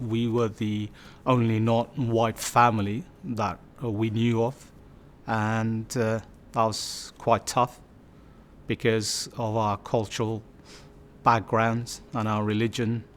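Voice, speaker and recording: A Bangladeshi man in his fifties, a community storyteller, recounts his life story in an interview, reflective and full of fillers and restarts. His voice is on the low side, with a slight hiss or hum in the recording.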